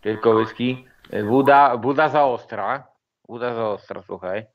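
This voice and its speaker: A man's voice: medium pitch, measured pace, muffled recording. A man hosting a casual livestream, mocking and taunting with frequent swearing and laughter. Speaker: livestream host.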